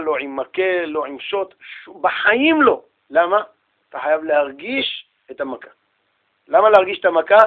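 A man giving a religious talk in a lively, casual storytelling manner, using street slang. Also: sits high, phone-quality sound. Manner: animated, casual slang, acts out voices.

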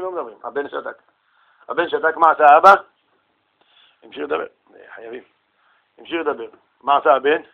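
Guy giving a torah class, high bright voice, tells stories with lots of rhetorical questions. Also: low-quality recording. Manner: animated storytelling, acts out quoted voices. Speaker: Torah teacher. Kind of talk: religious lesson.

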